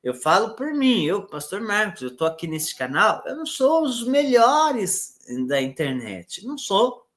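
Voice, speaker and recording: A man preaching an informal sermon as a pastor, repeating phrases, clearing his throat and often tagging questions. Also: sits high, big pitch swings, unhurried, fairly bright tone. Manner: repetitive, conversational, frequent tag questions.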